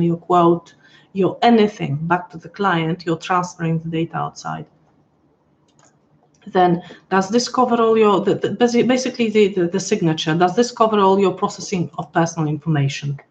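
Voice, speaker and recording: A woman with a lowish voice hosts a live webinar from a room at home with a pet nearby, and the audio is dull with a slight hiss or hum. She walks through the material casually, chatty and hesitant, restarting often, and her voice sounds a little worn because she's losing it.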